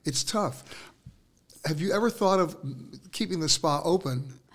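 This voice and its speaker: A man's voice: high-pitched, animated, unhurried. A man hosting a travel radio show from a hotel, chatting and joking with his guests. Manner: joking, chatty, laughs often. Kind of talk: casual radio interview. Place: hotel broadcast location.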